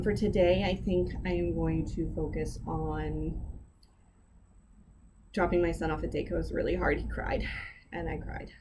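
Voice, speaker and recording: Woman coach walking you through breathing, kinda low voice, chatty and honest, noisy background. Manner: candid, gently encouraging, self-deprecating asides. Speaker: wellness instructor. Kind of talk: guided breathing lesson.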